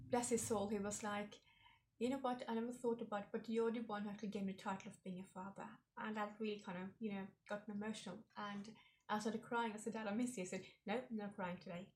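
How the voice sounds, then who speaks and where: A woman's voice: medium pitch, a little hiss or hum. A woman in her forties hosting her own vlog, telling personal stories in a reflective, chatty way with lots of fillers. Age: 40s. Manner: reflective, warm storytelling with frequent fillers. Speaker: vlog host.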